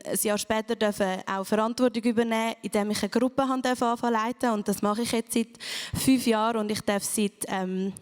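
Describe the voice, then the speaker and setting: A woman's voice: medium pitch, clear, resonant tone, long reverb tail. A woman telling her personal testimony in a plain, casual way with some hesitations. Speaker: church member giving a testimony.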